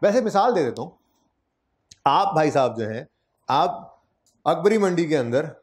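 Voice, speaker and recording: A man's voice: a little high, big pitch swings, a little slow. A man giving a classroom lecture on accounting, explaining step by step and checking in often with his students. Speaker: accounting teacher. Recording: echoey classroom.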